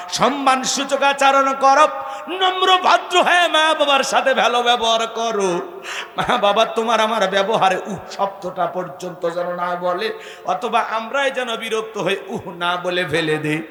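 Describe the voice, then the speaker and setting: A male preacher, delivering an emotional sermon in a melodic chant that rises into shouts. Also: high-pitched, animated, unhurried. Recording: echoey PA sound with long reverb.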